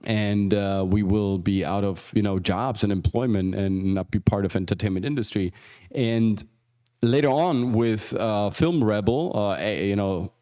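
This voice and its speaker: A man hosting a casual livestream as an acting coach, rambling with many restarts and asides and jumping higher for emphasis. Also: a little slow, dark tone. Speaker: acting coach and show host.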